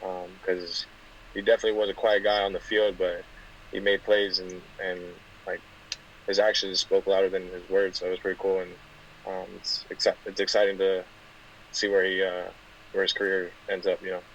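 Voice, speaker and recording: A young man from California, a guest football player, talking softly in a casual interview with lots of fillers. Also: deep voice, monotone, normal speed, muffled recording, slight background noise. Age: 20s. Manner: soft-spoken, many fillers and restarts.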